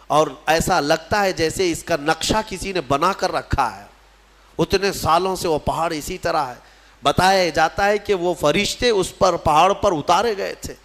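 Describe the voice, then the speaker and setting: A man preaching a sermon as a storyteller, impassioned and rising to loud declamation, slowing into chanted recitation. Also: a little high. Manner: recites scripture in slow chant. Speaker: Islamic preacher.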